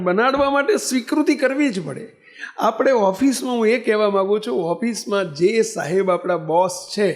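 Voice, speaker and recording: An older man, a swami, delivering a storytelling sermon to a temple congregation and asking the listeners rhetorical questions. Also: high voice. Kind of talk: Gujarati religious discourse. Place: temple assembly hall.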